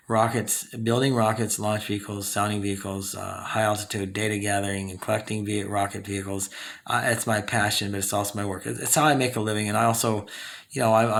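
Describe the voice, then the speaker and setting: A man's voice: lowish voice, fairly bright tone. A man in his fifties from Southern California, hosting his own channel in a rambling monologue full of fillers and restarts. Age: 50s. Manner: rambling, with many fillers and self-corrections. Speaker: channel host. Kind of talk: casual talking-head monologue.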